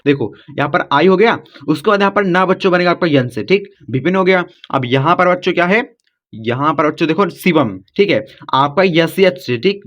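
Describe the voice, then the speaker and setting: A man gives a patient spelling lesson to children, spelling each name slowly letter by letter. His voice sits fairly high for a man. The recording is dull and lo-fi. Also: fairly bright tone. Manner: patient, repeats "ठीक?" after each step. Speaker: English teacher. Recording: dull lo-fi audio.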